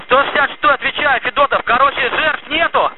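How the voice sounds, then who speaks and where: A man reporting to a dispatcher over a two-way radio as a train driver, in terse, halting, clipped reports. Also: very high voice, fairly even intonation. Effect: two-way radio transmission. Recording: tinny radio link with loud static.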